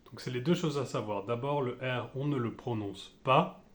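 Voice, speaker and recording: A man with a French accent teaching English pronunciation, speaking slowly and deliberately and repeating each example. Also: mid-range voice. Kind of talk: pronunciation lesson.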